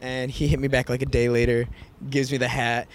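A man's voice: medium pitch, little pitch movement, fairly quick, a little hiss or hum. A young man co-hosting a podcast, telling loose stories full of "like" and "yo" and laughing often. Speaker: podcast co-host. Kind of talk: casual chat.

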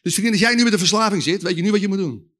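A man preaching a sermon with testimony, leading lively call-and-response with the audience and shouting at the climaxes. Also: high-pitched, rapid-fire.

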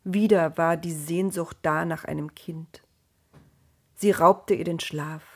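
A woman reading a storybook tale aloud in a calm, measured, gently expressive way. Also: low-pitched, breathy edge. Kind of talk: scripted storybook narration.

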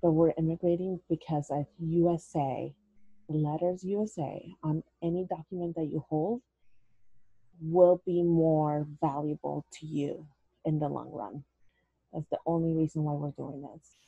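A woman, her voice low and mellow with a husky edge. She tells her story earnestly as an interview guest. The audio is dull and dry. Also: fairly even intonation, measured pace, dry recording. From El Salvador. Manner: earnest, storytelling, drops in Spanish words. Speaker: guest, educator. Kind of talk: interview conversation.

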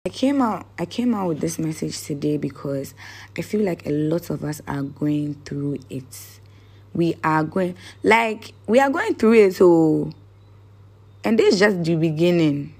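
Woman vlogger, unhurried and gravelly, casual and searching. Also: sits low, lively intonation, warm tone. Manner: rambling, searching for words. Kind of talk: casual motivational talk.

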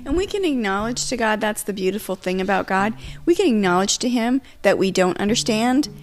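A woman's voice: mid-range voice, animated, fairly quick. A middle-aged woman co-hosting a devotional podcast with her husband, speaking heartfelt and emotionally, often stopping and restarting her sentences. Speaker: podcast co-host. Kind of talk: devotional casual chat.

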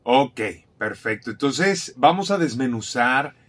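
A man's voice: mid-range voice, animated, slow pace, fairly bright tone. A man hosting a radio talk show in conversation with a guest. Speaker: radio host.

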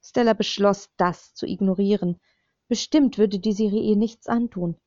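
A woman with a mid-range voice reads a dark thriller audiobook at a normal speed, keeping her scripted narration steady and even. The recording is dry and slightly dull, with no echo.

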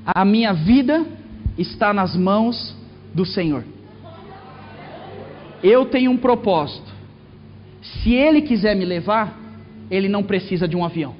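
A man voicing a drowsy older father who speaks slowly, calmly and solemnly. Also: sits high, a little hiss or hum, natural voice. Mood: serene. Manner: slow, calm, solemn. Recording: echoey hall, muffled sound.

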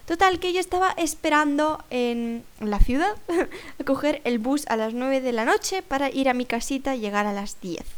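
A woman's voice: high-pitched, moderate pace. A young woman telling a casual story, rambling and self-mocking, with many fillers and restarts. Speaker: vlogger.

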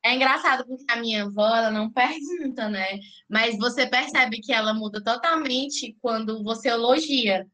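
Bright-voiced young woman, storytelling. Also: fairly high pitch, moderate pace, hardly any pauses. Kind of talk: casual group chat.

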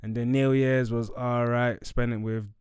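Smooth-voiced young London man in casual chat. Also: mid-range voice, little pitch movement, normal speed, darkish tone, no room sound, studio quality. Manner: informal, slangy. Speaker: podcast co-host.

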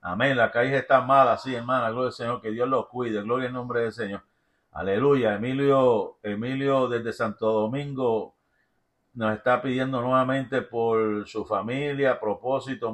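A man's voice: mid-range voice, fairly bright tone. A man leading a fervent intercessory prayer as pastor, reading out requests and repeating praise between phrases.

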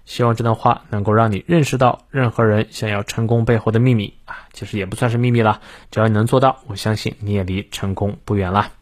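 A man's voice: fairly low pitch, fairly even intonation, quick pace. A man hosting a daily English lesson, explaining word by word and drilling a quote aloud, with casual filler particles. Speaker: English teacher and host.

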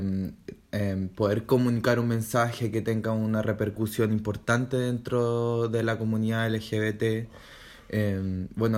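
A young drag performer with a Chilean accent, talking in a relaxed podcast interview and often pausing to search for words. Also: male voice, fairly low pitch. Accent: Chilean Spanish. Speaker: drag artist guest.

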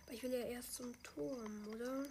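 A woman's voice: a little high, fairly even intonation, normal speed, loud music behind the voice. Chatty woman commenting on gameplay. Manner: chatty, swings between loud outbursts and quiet mutters. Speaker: gamer.

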